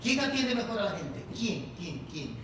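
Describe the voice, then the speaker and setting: A male pastor delivers a sermon in a big church hall, recorded from a distance with plenty of echo and slight background noise. His high, sing-song voice is a bit bright and moves a little slowly. Calling each listener "hermano," or brother, he peppers the congregation with rhetorical questions.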